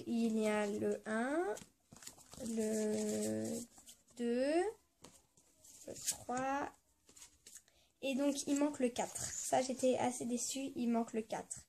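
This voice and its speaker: A woman vlogger chats to her viewers in a casual storytelling vlog. Her voice sits a little high and has a soft, mellow tone. She sounds eager but hesitant, filling her sentences with fillers and restarts. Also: vocal fry, a little hiss or hum. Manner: chatty and enthusiastic.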